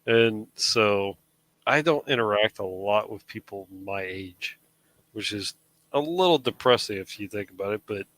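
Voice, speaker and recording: A man's voice: lowish voice, animated, a little slow, a bit bright, no echo, poor audio. A man in his thirties chatting casually on a live show, rambling with frequent restarts. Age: 30s. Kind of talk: casual chat.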